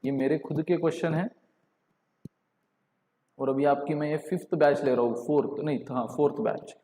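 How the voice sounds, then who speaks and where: A man with an Indian accent giving a live online lecture, switching between Hindi and English, reading statements out slowly and calling on students by name. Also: fairly high pitch, dark tone, roomy sound, in a large hall. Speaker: online teacher.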